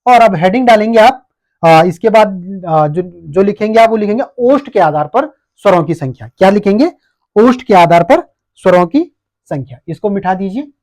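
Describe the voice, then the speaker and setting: A man's voice: high voice, animated, moderate pace, a little mellow. A man with an Uttarakhand Hindi accent teaches an exam-prep lesson and keeps answering his own questions.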